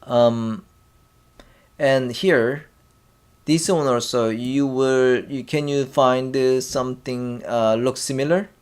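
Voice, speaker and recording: A man teaching a language lesson, halting with many fillers and restarts, and sounding out syllables one by one. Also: medium pitch, steady tone, clean tone.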